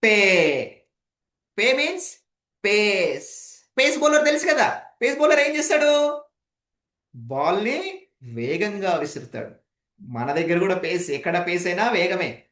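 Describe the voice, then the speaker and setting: Woman voice trainer, mid-pitched, demonstrative lecture delivery with rhetorical questions, echoey room. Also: sing-song, unhurried, pauses often, a bit bright. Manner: demonstrative, shifts volume and pace on purpose to illustrate points; asks the audience rhetorical questions. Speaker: voice modulation trainer. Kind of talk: online training session lecture.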